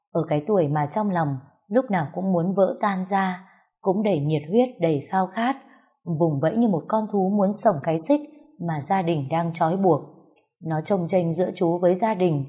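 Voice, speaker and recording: A woman narrating a romance story in a measured, emotional reading. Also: lowish voice, dark tone.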